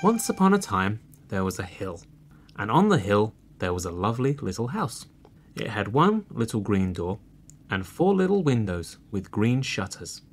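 A man reading a children's fairy tale aloud, slow and expressive. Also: lowish voice, soft background music. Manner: slow and expressive, clearly read for learners. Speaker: storyteller. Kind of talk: storybook reading.

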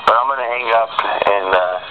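A man calling in and heard through a phone on speakerphone, giving brief, low-key replies. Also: a little fast. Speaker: phone caller. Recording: tinny phone line on speaker.

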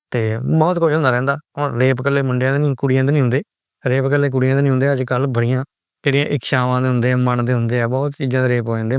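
Man, book reviewer, rapid, clear voice, dry close sound, chatty explainer. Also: mid-range voice, darkish tone, no room sound. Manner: conversational, explains words as he reads. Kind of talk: casual book reading and word explanations.

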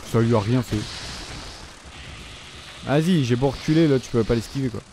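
A man's voice: medium pitch, normal speed, mellow, slight background noise. Chatty man swearing through gameplay commentary. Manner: chatty, swears often, talks to the enemies on screen. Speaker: gaming channel host.

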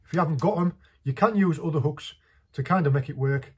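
A man's voice: fairly high pitch, a little fast, a little mellow, husky. A man, casually talking through a hands-on fishing tutorial while he works, in a small indoor workshop. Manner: chatty, practical, talks while working with his hands.

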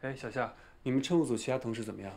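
An actor playing a composed, caring airline executive in a television drama, speaking in a measured, reassuring way. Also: male voice, medium pitch, a little mellow, lightly acted. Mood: concerned. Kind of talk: naturalistic TV drama acting.

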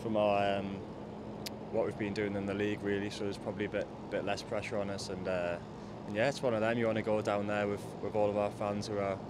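A footballer talks outdoors in a lowish, flat voice, stumbling over and repeating words. Loud traffic and car noise fill the background. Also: male voice. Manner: halting, many repeated words. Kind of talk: interview.

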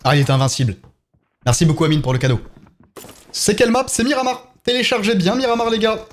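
A man's voice: high-pitched, fast. A young French man streaming a mobile shooter live, chatting with viewers and answering their chat while he plays. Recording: game gunfire faintly behind.

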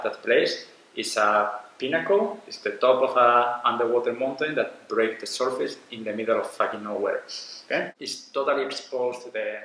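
A man's voice: medium pitch, a bit bright, a little hiss or hum. A man, a scuba diving course director, explains plainly in slightly non-native English while reacting to dive footage. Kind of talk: casual reaction commentary. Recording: very echoey room, faint ambience.

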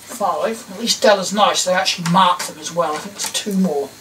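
Working in a small tiled indoor workshop, a middle-aged video creator from England mutters his thoughts and second-guesses himself while fixing old electronics. His English-accented voice is high and moderately paced. The camera mic sits a little away, so it sounds distant amid clear clicks and clatter of tools.

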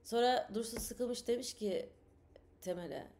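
A woman hosting a live stream, chatting and telling jokes in a lively, animated way. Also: on the high side, measured pace. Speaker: streamer host.

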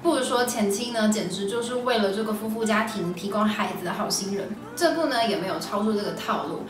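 A woman in her twenties with a Taiwanese Mandarin accent hosts a scripted recommendation vlog from a small indoor room. Her medium-pitched voice moves briskly over background music. The room is echoey and the mic slightly distant.

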